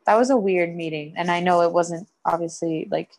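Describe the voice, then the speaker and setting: Woman, podcast co-host, casual chat, lowish pitch, giggly. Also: brisk, a little mellow, low-quality recording. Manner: chatty, laughs often, restarts a lot.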